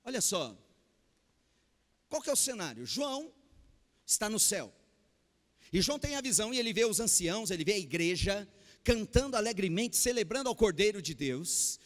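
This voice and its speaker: A Brazilian man with a Brazilian Portuguese accent preaching a Sunday sermon, calling out questions to the congregation and swinging between loud and hushed. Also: high-pitched. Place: church hall. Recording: long hall reverb.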